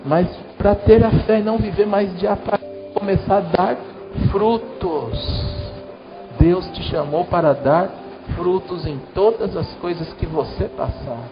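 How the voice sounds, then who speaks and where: In a muffled recording with music underneath, a Brazilian pastor chats his way through a church sermon, addressing the congregation directly. He has a Brazilian Portuguese accent and a high voice that moves a little slowly.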